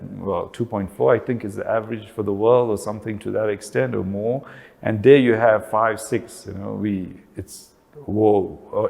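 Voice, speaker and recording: A man with a South African accent talks to an audience about family life. His voice is mid-pitched and he keeps posing questions that he then answers himself. The sound carries a long hall reverb. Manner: animated, asks himself questions and answers them. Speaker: speaker. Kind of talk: talk on family relationships.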